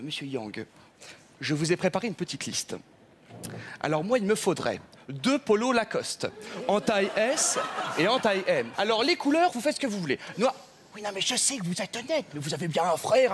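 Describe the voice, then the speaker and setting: A man playing a fussy, mock-polite male census clerk at a counter in a stage comedy sketch, with stammering fillers. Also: sits high.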